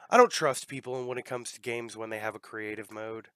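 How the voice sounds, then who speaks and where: A man's voice: mid-range voice, fairly quick, smooth, dry recording. A man hosting a podcast, chatting casually while playing a game, swearing freely. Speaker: podcast host. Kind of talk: casual chat while gaming.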